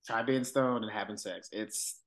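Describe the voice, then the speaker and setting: A man's voice: lowish voice, steady tone, normal speed. A man co-hosting a podcast who talks in a laid-back, slangy, joking way. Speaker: podcast co-host. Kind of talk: casual recap chat.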